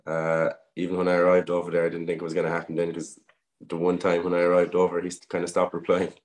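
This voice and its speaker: A young Irish man tells a story for an interview in a deep, very flat voice. He talks quickly and relaxed, leaning on "um" pauses as he recalls events. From Ireland. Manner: relaxed, anecdotal, frequent "um" pauses. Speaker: guest footballer.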